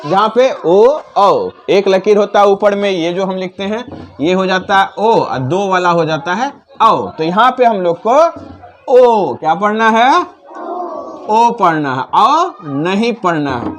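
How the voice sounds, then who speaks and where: Slow, patient male teacher drilling letters. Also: high-pitched, animated, fairly bright tone. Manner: slow, repetitive drilling with questions to pupils. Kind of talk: classroom-style alphabet lesson.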